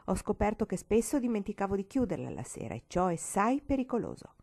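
A woman's voice: medium pitch, very animated, fast, gravelly, darkish tone, no echo, clean studio sound. A woman reading the lines of a stern, stubborn older grandmother in a storybook, speaking in a cold, unbending way.

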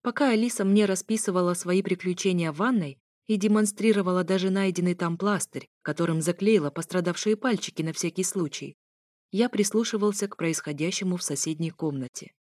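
Low-voiced woman reading an audiobook. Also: a little mellow, no echo. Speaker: audiobook narrator. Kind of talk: first-person audiobook narration. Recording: dry close recording.

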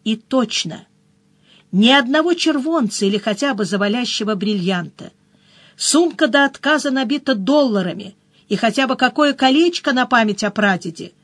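A woman narrating a first-person audiobook in a brisk storytelling manner, with short dips into other characters' voices. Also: a little high, expressive, no echo.

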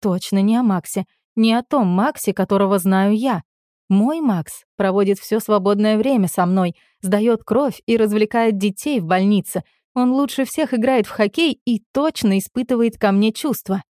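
Young woman, audiobook narration, mellow warm voice, dry close recording. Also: medium pitch, moderate pace, no echo. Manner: expressive, emotional dialogue delivery. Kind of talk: first-person novel reading.

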